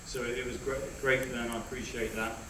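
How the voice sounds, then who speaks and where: A man's voice: medium pitch, flat delivery, fast. A middle-aged man closing an event with formal, grateful remarks. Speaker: event organiser thanking the audience. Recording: distant echoey hall with crowd and hum.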